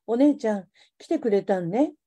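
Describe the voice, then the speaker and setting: A woman's voice: a little high, animated, normal speed, mellow. A woman voicing a badly burned young girl who pleads weakly in Hiroshima dialect. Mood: weak plaintive. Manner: weak, plaintive childlike pleading.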